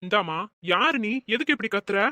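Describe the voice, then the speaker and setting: A woman voicing a blunt, stubborn village gardener man in a cartoon, talking in gruff, blunt retorts. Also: medium pitch, lively intonation, a little fast, sharp tone, no room sound. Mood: cranky. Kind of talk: cartoon voice acting.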